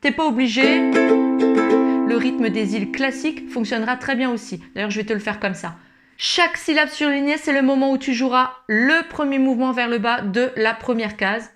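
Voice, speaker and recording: In this friendly online ukulele tutorial, a woman with a fairly high voice talks straight to the learner at a normal speed, sounding encouraging. Soft background music plays, and loud ukulele strumming sits under her voice.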